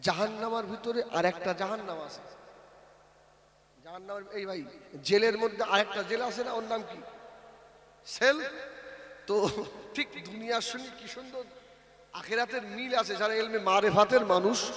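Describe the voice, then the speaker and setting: Male waz preacher, very high voice, long loudspeaker reverb, storytelling that swells into slow chanting. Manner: shifts between low storytelling and loud slow sung chanting. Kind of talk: Bengali Islamic sermon, waz. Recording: echoey, reverberant loudspeaker sound.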